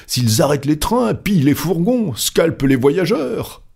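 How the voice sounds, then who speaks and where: A man voicing an excitable gentleman card player who exclaims his doubts with agitation. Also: fairly low pitch, unhurried, breathy edge, full character voice. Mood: agitated.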